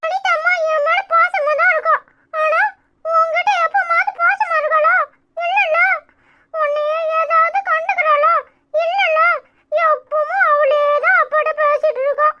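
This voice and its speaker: A woman's voice: steady tone, a little slow, pushed and bright, full character voice. A woman voicing a sulky, tearful little boy in a Tirunelveli Tamil accent for a cartoon. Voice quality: very high, childlike. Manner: whiny pleading, near tears. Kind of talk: cartoon comedy voice acting.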